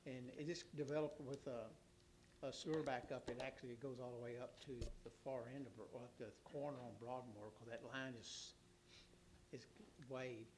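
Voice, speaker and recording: Giving a utility report to a city council, a male official speaks hoarsely at an ordinary medium pitch with fairly even intonation. His delivery halts and rambles, packed with fillers and restarts, and a faint hum runs in the background.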